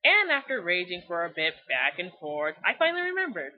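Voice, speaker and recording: A young woman's lowish voice swings widely in pitch as she speaks a little fast, hosting a fan video series. The scripted commentary, captured on a lo-fi mic, is profane, sarcastic and exaggerated.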